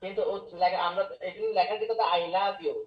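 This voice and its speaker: Hesitant student on a dull distant line. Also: male voice, high voice, little pitch movement, very fast, faint music behind. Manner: hesitant, repeats himself while asking a question. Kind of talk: online class question. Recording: distant dull call audio.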